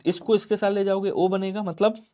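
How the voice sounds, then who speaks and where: A man teaching a live online exam-prep class, lively and coaxing students to answer, with sudden loud emphasis. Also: high voice, moderate pace.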